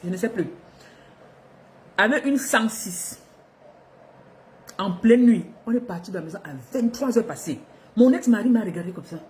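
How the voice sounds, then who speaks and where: A middle-aged woman from Africa, telling a personal story to her viewers in a lively, expressive way, laughing between lines. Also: mid-range voice, normal speed, pauses often. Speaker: vlogger.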